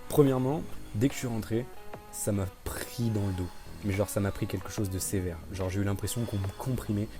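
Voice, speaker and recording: A man narrating his own experience in a casual, conversational voice-over. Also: on the low side. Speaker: vlogger. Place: voice-over recorded separately. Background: guitar music.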